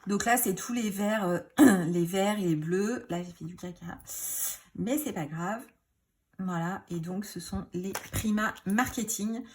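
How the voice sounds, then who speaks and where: A woman in casual show-and-tell, chatty and rambling, with many fillers, self-corrections and quiet muttered asides. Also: mid-range voice, unhurried. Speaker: craft YouTuber.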